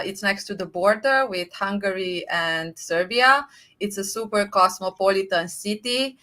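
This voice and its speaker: Romanian-accented woman guest, bright tone, eager and rambling on a video call. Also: mid-range voice. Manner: enthusiastic, rambling with frequent fillers. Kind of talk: conversational interview.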